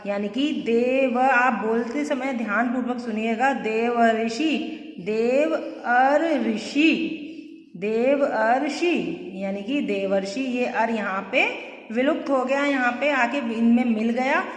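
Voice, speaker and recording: A woman's voice: on the high side, unhurried. A woman teacher giving a grammar lesson, explaining step by step and asking the class questions as she goes. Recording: echoey room with long reverb.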